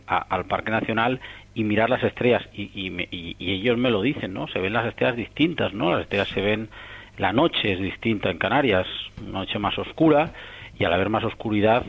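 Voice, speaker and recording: A man's voice: lowish voice, slightly rough. A man from Catalonia, an astronomer answering interview questions in a thoughtful, rambling way full of restarts and tag questions. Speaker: astronomer guest. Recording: muffled radio broadcast.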